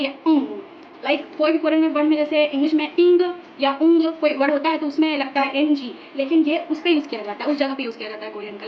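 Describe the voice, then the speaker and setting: A woman's voice: sits high, lo-fi sound, a little hiss or hum. A woman teaching a language lesson in a chatty, patient way, mixing English words into her Hindi. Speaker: language tutor. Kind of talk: casual spoken lesson.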